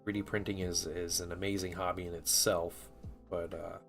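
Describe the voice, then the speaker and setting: Low-voiced guy in his 30s, laid-back rambly stream chat, reading comments out, quiet music underneath. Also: normal speed, creaky. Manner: relaxed and rambling, reads viewer chat aloud while assembling models. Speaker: live-streaming miniature painter. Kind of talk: casual live-stream chat.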